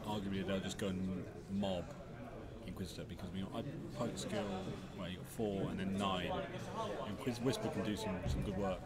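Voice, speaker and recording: Welsh male co-commentator, low voice, dry humor, heavy crowd din. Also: steady tone, normal speed. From Wales. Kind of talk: live tabletop game commentary. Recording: loud crowd chatter of a tournament hall.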